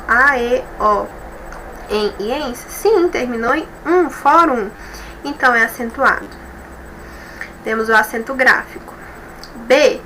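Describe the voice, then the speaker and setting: Bright-voiced woman teaching patiently. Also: on the high side, slight background noise, low-quality recording. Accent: Brazilian Portuguese. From Brazil. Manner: slow, explanatory, repeats rules and checks with "tá bom?". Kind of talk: recorded school review lesson.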